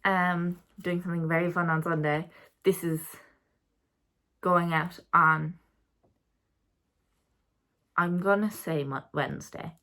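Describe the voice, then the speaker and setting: A woman's voice: on the low side, steady tone, slow pace, pauses often, bright, forceful tone. A young woman chatting casually about her month's reading, rambling and correcting herself as she goes. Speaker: book vlogger. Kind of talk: casual reading wrap-up chat.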